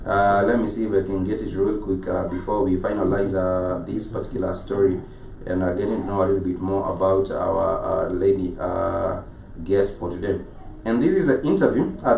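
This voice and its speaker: A man with a Kenyan accent hosting a live show, speaking in a halting way and often rephrasing himself. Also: medium pitch, a little mellow. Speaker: show host. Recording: echoey, noisy room, distant mic.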